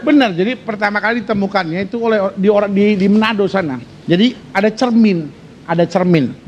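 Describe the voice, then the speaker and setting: Male pastor preaching, really high voice, joking and asking the crowd questions. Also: a little fast, lo-fi sound, a little hiss or hum. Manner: lively, joking, asks the congregation questions. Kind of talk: sermon.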